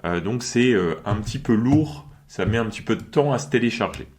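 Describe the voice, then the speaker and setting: A man talking casually through a screen-share software tutorial, chatty and full of fillers and quick check-ins with the viewer. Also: lowish voice, expressive. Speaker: magician and course creator.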